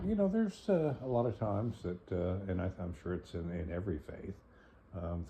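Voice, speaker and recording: Deep, very mellow man, slightly hoarse. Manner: hesitant, many fillers between phrases. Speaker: host reading and explaining a book. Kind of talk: casual spoken commentary and reading aloud. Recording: dull lo-fi recording, faint noise.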